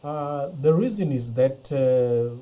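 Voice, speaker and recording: A middle-aged man from Ethiopia, not a native English speaker, slowly recounting his life in a podcast interview with many pauses and fillers. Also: mid-range voice, lively intonation, mellow, low-quality recording. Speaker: interview guest. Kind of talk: slow personal testimony. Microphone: podcast interview mic.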